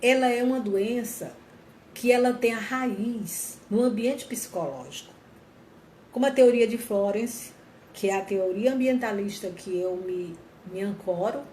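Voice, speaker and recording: This woman's voice sits a little high but has a dark tone as she earnestly reflects on mental health for her viewers, often repeating and rewording herself. The recording has an echoey room sound and faint ambient noise.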